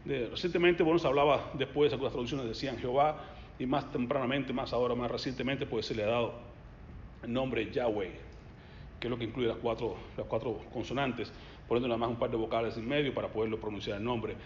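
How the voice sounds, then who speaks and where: A man preaching a sermon, swinging between loud emphatic passages and quiet low asides. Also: fairly even intonation, a little fast, slight background noise. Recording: echoey hall, slightly dull sound.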